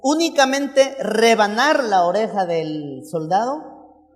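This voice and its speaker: Male preacher, lively storytelling sermon, rhetorical questions, long hall echo. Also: high voice, slow. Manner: storytelling with rhetorical questions and playful acted asides.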